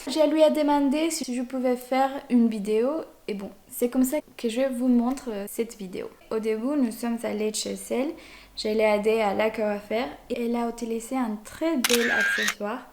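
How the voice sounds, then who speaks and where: Here a young woman from Mexico chats casually with viewers as a vlogger, her native Spanish showing in her Mexican accent. Her pitch is slightly high, her tone steady, her speed normal.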